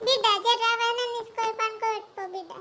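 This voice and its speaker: A woman with a Telangana accent playing a scheming village mother-in-law who complains loudly. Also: very high voice, level tone, fast, background noise. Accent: Telangana Telugu. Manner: loud, scolding and complaining. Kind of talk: village comedy skit acting.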